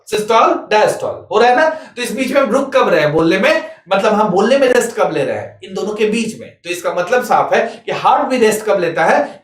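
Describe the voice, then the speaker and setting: A man teaching a science lesson for exams, repeating a check-in phrase and answering his own questions. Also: high voice. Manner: mixes English terms into Hindi, spells words out slowly. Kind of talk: exam-prep science lecture. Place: classroom or small studio, writing on a board. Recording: echoey room, mic some distance off.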